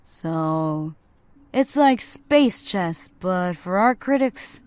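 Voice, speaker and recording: A woman voicing a gruff, skeptical man detective who mutters dryly. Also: on the low side, animated, very slow, a little mellow, no echo.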